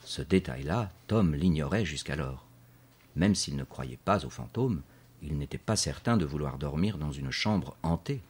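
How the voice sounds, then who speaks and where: Very deep, husky male narrator. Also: animated, unhurried, darkish tone. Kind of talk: storybook narration.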